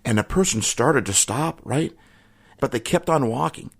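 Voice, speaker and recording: A middle-aged man hosting a solo podcast, talking in an earnest, emotional way, often trailing off quietly at the ends of his thoughts. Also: medium pitch, expressive, normal speed, vocal fry, breathy edge. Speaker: podcast host. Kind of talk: reflective solo podcast talk.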